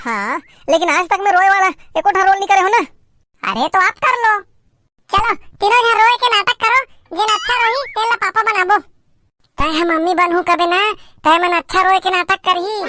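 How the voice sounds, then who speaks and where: A woman's voice: very high voice, sharp tone, no echo. A woman voicing playful village children in a cartoon, speaking with a Chhattisgarhi accent in teasing, giggly banter. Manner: teasing, giggly, quick back-and-forth banter. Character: playful bickering village kids staging a doll wedding. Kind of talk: cartoon comedy voice acting.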